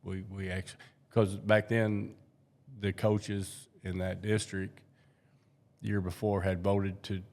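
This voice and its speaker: Man, very low voice, chatty storyteller, casual coach talk. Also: level tone, slow, a little mellow. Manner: storytelling, chatty, repeats words. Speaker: basketball coach and podcast co-host. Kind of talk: casual chat.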